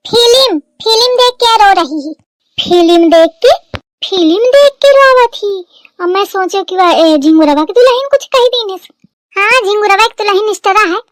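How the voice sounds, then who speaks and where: A woman's voice: very high-pitched, expressive, moderate pace, fairly bright tone, dry recording, studio quality. A woman voicing a suspicious, nagging village mother-in-law in a cartoon. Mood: scolding. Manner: scolding, nagging.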